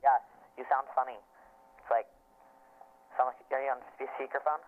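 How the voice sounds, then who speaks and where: A teenage boy comes through a speakerphone on a thin, tinny phone line. His voice sits at an ordinary middle pitch, and he answers in short, offhand bits of casual chat. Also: level tone, moderate pace. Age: early teens. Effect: heard through a phone on speakerphone. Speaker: phone caller.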